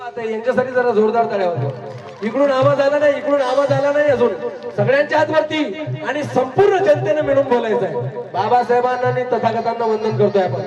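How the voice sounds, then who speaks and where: A man's voice: very high-pitched, fast. A man singing and calling out to the audience at a live stage program, rousing and commanding the crowd. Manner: rousing, commanding the crowd, half-sung lines. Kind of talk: live stage song and crowd call-outs. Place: large live event with crowd. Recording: distant, echoey, dull live recording with music.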